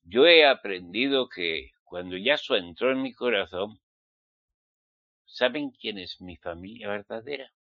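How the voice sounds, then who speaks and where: A Basque man from Spain, speaking with a Spanish accent, delivers a fiery sermon as a religious preacher, admonishing his listeners emphatically and firing rhetorical questions at them. His voice sits on the low side and is expressive, with a slightly slow pace. The recording is dry and sounds dull.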